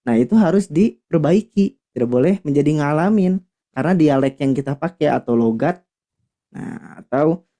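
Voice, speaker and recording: A man teaching Quran recitation in an online class, explaining patiently and often pausing to search for the right word. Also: on the high side, lively intonation, mellow.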